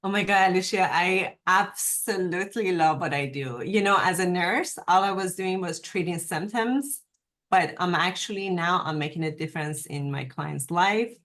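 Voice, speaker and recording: A woman from Iran, a nurse and health coach talking as a podcast guest, earnest and quick to laugh. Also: lowish voice. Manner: warm, laughs easily, earnest. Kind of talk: podcast interview.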